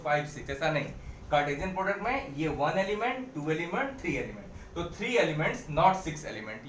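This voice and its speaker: A man with a high, slightly bright voice teaches a maths lesson at the blackboard, working through it step by step, repeating key points and slipping English phrases into his explanations. A faint hiss or hum is present, and the distant mic picks him up in an echoey room.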